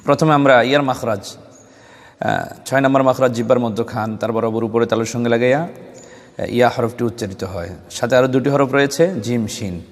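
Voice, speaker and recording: A man teaching Quran letter pronunciation, explaining carefully and chanting syllable drills in a slow, sung tone. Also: medium pitch, steady tone.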